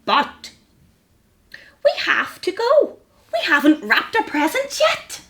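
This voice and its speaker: A woman voicing a cheerful, helpful mouse in a children's storybook, with bright exclamations. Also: extremely high pitch, huge pitch swings, takes it slowly, slight background noise, pitched above the performer's own voice, full character voice. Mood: excited. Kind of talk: storybook character voice.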